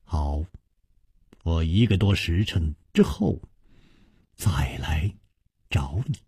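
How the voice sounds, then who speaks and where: A man voicing a witty, carefree young male hero who speaks in a bright, laughing, sing-song way. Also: very deep voice, animated, slow, vocal fry, breathy edge, dry recording, studio quality, voice pushed down, full character voice. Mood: merry.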